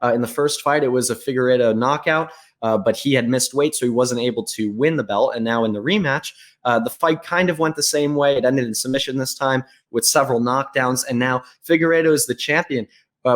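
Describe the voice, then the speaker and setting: A man interviewing a fighter over a call, asking polite, measured questions with occasional "uh" fillers. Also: mid-range voice, fairly bright tone.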